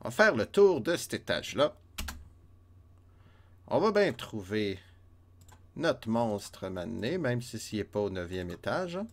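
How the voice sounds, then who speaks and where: During a live let's play of a retro game, a man with a Québécois French accent quietly counts steps and chats with his viewers. His voice sits lowish and is very animated, delivered at a measured pace with long pauses.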